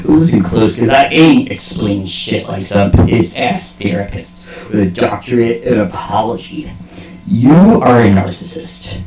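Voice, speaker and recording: Over background music in a roomy, echoing space, a man with a lowish voice speaks a little slowly. As host of a comedic monologue, he delivers a mock-philosophical rant in profane bro slang, full of hammy, theatrical emphasis and swagger.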